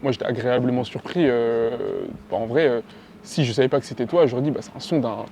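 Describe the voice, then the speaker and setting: A man with a mellow, darkish voice asks long, rambling questions in a casual interview. He often repeats his guest's words back to him. Faint noise sits behind his voice. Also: mid-range voice, fairly even intonation, fast talker.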